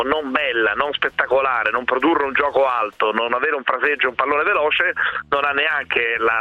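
A man's voice: mid-range voice, no echo. A man analysing football in a radio discussion, circling back to rephrase his points. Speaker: football commentator. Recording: slightly dull, lo-fi radio sound.

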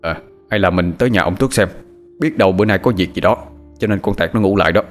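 A calm village father speaks in a low, steady voice, as a narrator voices him. He reassures and suggests plans in a measured manner. Soft music sits under him. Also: natural voice. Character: calm village father, middle-aged man.

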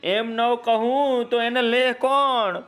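A man voicing a sly, smooth-talking male shopkeeper who flatters customers and scolds a boy, in a children's story. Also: very high voice, takes it slowly, faint music behind, voice pushed up, heavily acted. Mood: scolding.

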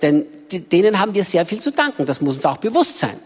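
Woman delivering a sermon, lively pitch, a bit husky, long hall echo. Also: fast. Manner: animated storytelling.

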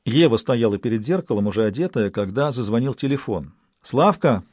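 Mellow male audiobook narrator. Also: medium pitch, dry recording, clean studio sound. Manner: measured, even storytelling. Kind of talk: scripted narration.

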